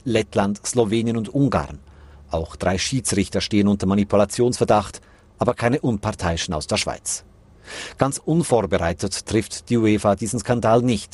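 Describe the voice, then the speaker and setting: A man's voice: on the low side, a little mellow, husky. A male reporter reading a scripted radio news report in a formal way. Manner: formal, narrating.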